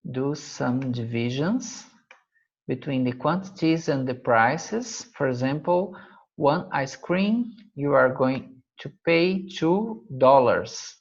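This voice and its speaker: With a Brazilian Portuguese accent, a man from Brazil who speaks Portuguese natively teaches math from slides. He searches haltingly for his English words with frequent fillers. His voice is mid-range, animated and husky, and the recording has the highs cut off.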